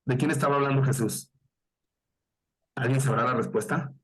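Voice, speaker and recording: Husky-voiced Mexican pastor teaching scripture. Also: male voice, mid-range voice, steady tone, low-quality recording. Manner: reads scripture slowly and stops often to explain and quiz listeners. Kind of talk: Bible study teaching.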